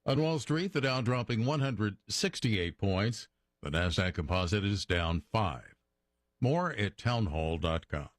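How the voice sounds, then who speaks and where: A man's voice: on the low side, expressive, measured pace, no echo. An American man anchoring a scripted radio newscast. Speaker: news anchor.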